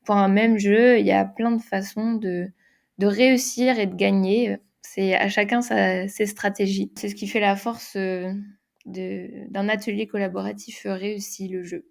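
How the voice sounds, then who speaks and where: A woman of medium pitch answers interview questions about using games in workshops. She thinks aloud as she goes, with frequent hesitations and restarted phrases. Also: fairly even intonation, a little slow, gravelly. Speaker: game designer and facilitator.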